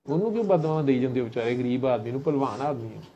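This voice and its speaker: Mellow-voiced man, teasing. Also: medium pitch, fast talker, muffled recording, a little hiss or hum. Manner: teasing, steady "hmm" backchannels. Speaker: host and spiritual guide. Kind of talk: casual conversation.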